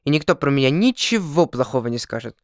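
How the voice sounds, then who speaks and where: A man's voice: mid-range voice, very animated, fast, no room sound, studio quality. A man voicing a nervous, earnest peasant potter in a storybook reading, who sometimes stammers and gets flustered.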